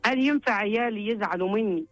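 This caller, an older woman with an Upper Egyptian accent, pours out her troubles while asking for guidance, her words emotional, imploring and repetitive. The mid-range voice comes at a quick pace, with soft music underneath, no room sound and poor recording quality.

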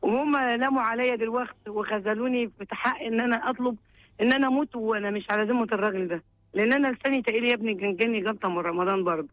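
Calling for advice, an elderly Upper Egyptian woman tells of her struggles, repeating herself as she pleads with deep emotion. She speaks very quickly in a rather high voice, and the low-quality recording carries no echo.

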